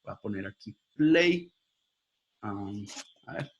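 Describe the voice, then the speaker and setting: A man's voice: on the low side, animated, slow pace, dull audio, slight background noise. A man giving a video lecture as a linguistics teacher, explaining step by step and quizzing his viewers directly.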